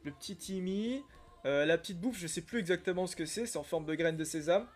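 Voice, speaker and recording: Young guy on a live stream, kinda high voice, chatty and excitable, soft music in the background. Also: a little fast. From Algeria. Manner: chatty and excitable, greets viewers by name. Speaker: streamer opening trading cards. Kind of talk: casual live-stream chat reading comments.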